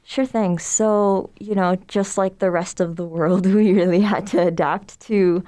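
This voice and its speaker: Appearing on a podcast, this young Somali woman, who heads a student club, talks in a mid-range voice that moves a little slowly. She is relaxed and friendly, explaining things at length and leaning on fillers. She's in a room shared with others.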